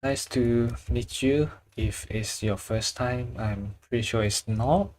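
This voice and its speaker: A man with a Chinese accent, from China, draws on a livestream and talks casually with those watching, often reaching for words and chuckling. His mid-range voice is darkish and slow, with a bit of hiss or hum in the audio.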